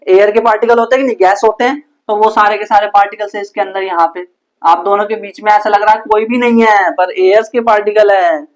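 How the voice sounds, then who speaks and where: Playful man teaching science. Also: high voice. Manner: playful, uses sound effects and mini role-plays. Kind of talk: casual classroom explanation.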